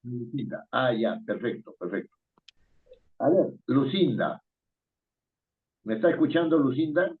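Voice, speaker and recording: A man's voice: mid-range voice, sing-song, a little slow, long pauses. Patient male teacher over a tinny call. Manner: patient, questioning, chuckles often. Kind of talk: online class on spelling. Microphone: video call. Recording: tinny phone-like call audio.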